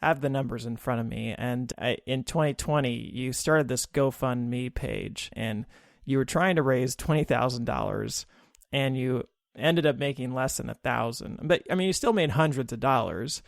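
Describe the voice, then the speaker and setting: A man's voice: medium pitch, moderate pace, creaky, dry recording, studio quality. A man hosting an interview in a conversational way, reading figures from his notes as he asks questions. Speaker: podcast host. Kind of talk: casual interview.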